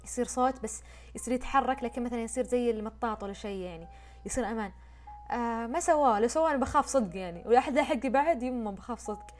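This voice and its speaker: A woman, telling a story in a casual, expressive, chatty way. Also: on the high side, racing. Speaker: vlogger.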